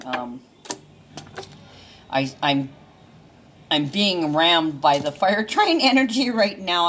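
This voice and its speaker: A woman's voice: fairly low pitch, slight background noise. A woman giving a casual, rambling astrology reading, full of fillers and restarts and now and then chuckling. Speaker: intuitive astrology reader. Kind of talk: casual monologue.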